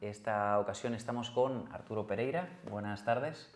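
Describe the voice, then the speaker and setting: A man with a Spain accent hosting an interview podcast, introducing his guest in quick patter with fillers. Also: on the low side. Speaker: podcast host. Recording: echoey room.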